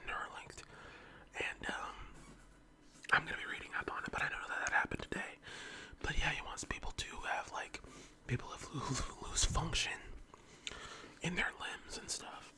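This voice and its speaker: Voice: medium pitch, sharp tone. An ASMR host of unclear sex whispers close to the mic, as if leaning in, in an informal, meandering casual chat. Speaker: ASMR eating-video host.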